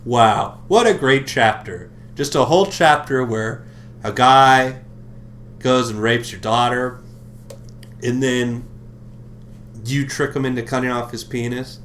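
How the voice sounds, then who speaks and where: A man's voice: mid-range voice, takes it slowly, pauses often, fairly bright tone, a little hiss or hum. A man hosting a livestream, reading scripture aloud and breaking off into mocking, profane comedic asides. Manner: profane, mocking asides between read passages. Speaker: livestream host.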